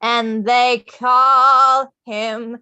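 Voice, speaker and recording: Woman as Jack, a bright, high, theatrical showman. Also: little pitch movement, very slow, smooth, dull audio, exaggerated voice. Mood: dramatic, spooky. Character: Jack, theatrical, excitable showman leader of Halloween Land. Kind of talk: table read of a musical film script.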